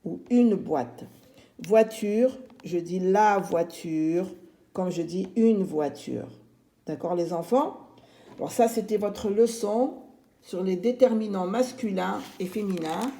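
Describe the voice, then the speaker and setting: A middle-aged woman teaching young children in a slow, patient way. Her voice is soft and mellow, and she stretches each word out and says it again so the class can follow. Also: mid-range voice. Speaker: primary school teacher.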